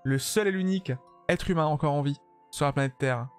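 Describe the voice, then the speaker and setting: A man's voice: a little high, brisk, clean tone, soft background music. A tired man chatting casually with his viewers while streaming a game, joking and swearing freely. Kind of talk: casual live-stream commentary while playing.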